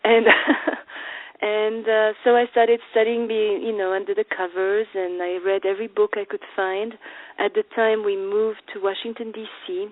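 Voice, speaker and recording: A woman's voice: mid-range voice, level tone, normal speed, dry recording. A woman from Finland, a guest astrologer, telling the story of her life in an interview and laughing as she goes. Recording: dry, phone-like audio.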